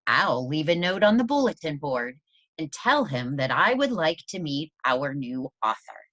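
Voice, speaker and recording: A woman's voice: sits low, sing-song, measured pace, a bit bright, no echo, exaggerated voice, low-quality recording. A woman voicing a polite, admiring female head librarian in a storybook, courteous and carefully enthusiastic. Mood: curious, decisive. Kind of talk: storybook character voice.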